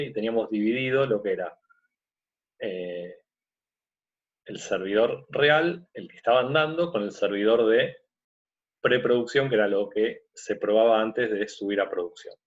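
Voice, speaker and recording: A man teaching a screen-recorded software course, explaining step by step and often checking in with his listeners. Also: fairly low pitch, moderate pace, lo-fi sound. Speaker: course instructor.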